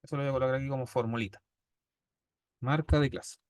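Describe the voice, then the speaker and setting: A fast-talking man with a smooth, mid-range voice and fairly even intonation lectures on statistics in Chilean Spanish. Patient, he walks students through each step and asks "¿ya?" constantly. The studio-quality recording has no room sound.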